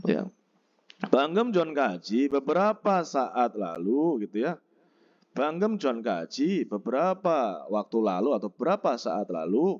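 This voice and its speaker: A man teaching a textbook vocabulary lesson, slowly explaining and repeating each word and its pronunciation. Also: mid-range voice, very animated, a little mellow, dull audio. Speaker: Korean language teacher.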